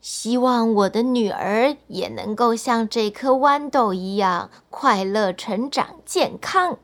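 A woman voicing a poor, hardworking mother in a bedtime storybook, speaking in a tender, soft-spoken way. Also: on the high side, slow pace.

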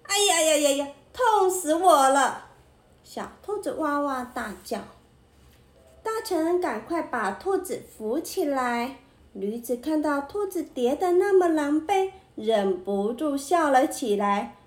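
A woman narrating a children's story in an expressive way. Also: sits high, echoey room. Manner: expressive, slow.

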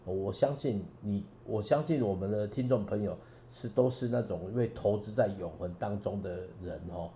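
A man, a preacher and songwriter giving an earnest, halting personal testimony as a radio guest, with many restarts. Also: on the low side, dark tone, roomy sound, slight background noise.

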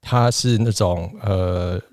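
A man in his forties chatting as a guest, relaxed and talkative, often laughing and restarting his sentences. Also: sits low, slow, dry recording, clean studio sound. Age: 40s. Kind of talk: casual chat.

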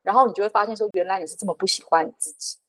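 A fast-talking woman in her thirties or forties, a podcast guest telling a personal story. Her telling is animated and quick, full of fillers and restarts, and her pitch sits mid-range for a woman. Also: poor audio.

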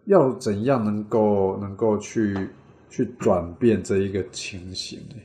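A man's voice: fairly low pitch, unhurried, mellow, a little hiss or hum. A man co-hosting a casual chat, speaking hesitantly and often repeating his words. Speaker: podcast co-host.

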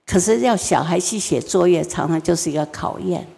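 Gravelly older woman teaching. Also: on the low side, a little fast, in a large hall. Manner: lively, acts out family scenes. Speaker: guest teacher.

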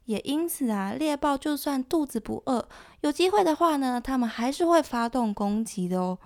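Woman, high voice, nature documentary narrator, conversational explainer, educational presenter. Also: expressive, moderate pace. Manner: explanatory, conversational, with frequent softening sentence particles. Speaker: presenter of an animal education show. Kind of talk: scripted nature documentary narration for a general audience.

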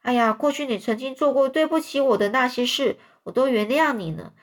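A woman's voice: high-pitched, voice pushed up, natural voice. A woman voicing a mischievous boy faking illness, talking in a whiny, self-pitying way. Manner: whining, drawn-out, self-pitying.

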